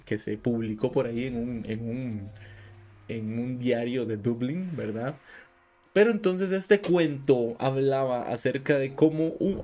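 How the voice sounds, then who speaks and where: A man's voice: medium pitch, a little mellow. A young man with a Costa Rican accent, a podcast host retelling a legend in casual, slangy speech and loosely acting out the characters. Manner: slangy, laughs often, acts out characters loosely. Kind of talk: casual storytelling.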